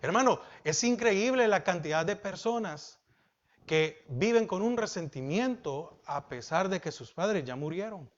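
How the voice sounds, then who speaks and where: A man preaching a sermon as pastor, asking the congregation questions and dropping from loud emphasis to soft. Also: high voice, lively intonation, unhurried, dull audio.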